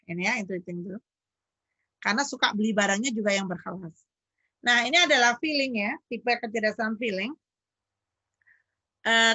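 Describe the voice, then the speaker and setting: A woman doctor giving an educational parenting talk, chatty and lively, speaking straight to the parents and acting out little dialogues. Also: no room sound. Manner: lively, acts out quoted dialogue with jumps in pitch; chatty, addresses parents directly.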